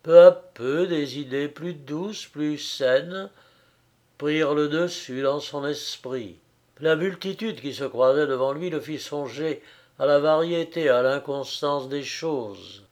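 A man narrating classic fiction in a measured, expressive audiobook reading. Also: on the high side.

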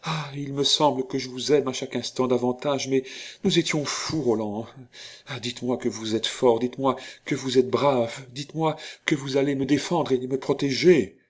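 A man's voice: medium pitch, measured pace, voice pushed up, natural voice. A man voicing a scheming young noblewoman who feigns distress, breathless and theatrical. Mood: pleading.

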